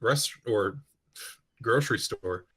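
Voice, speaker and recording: A man's voice: on the low side, takes it slowly, fairly bright tone, breathy edge. A young man on a podcast call chatting in a wry, offhand way and teasing the others. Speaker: podcast guest. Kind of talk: casual chat.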